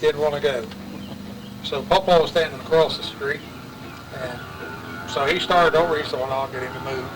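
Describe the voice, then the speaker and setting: Recorded on a distant mic with clear outdoor traffic noise and music in the background, this older man tells family stories in a casual oral-history interview. His voice sits on the high side, steady in tone, at a moderate pace broken by long pauses. He speaks with an Appalachian West Virginia accent, rambling along in a colloquial, folksy manner.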